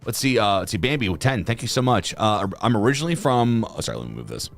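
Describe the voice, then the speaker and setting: Low-voiced chatty man on a live stream. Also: very animated, fast talker, creaky, faint music behind. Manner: chatty, laughs easily, many fillers. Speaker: co-host reading live chat donations. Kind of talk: casual live-stream chat.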